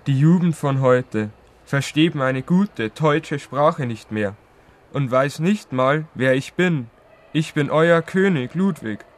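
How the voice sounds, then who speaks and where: A man's voice: on the high side, animated, takes it slowly. Man playing a grumpy, pompous old king. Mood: grumpy, indignant. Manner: grumbling and pompous, looking down on the young. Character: grumpy, proud old King Ludwig the First of Bavaria. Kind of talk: educational audio drama.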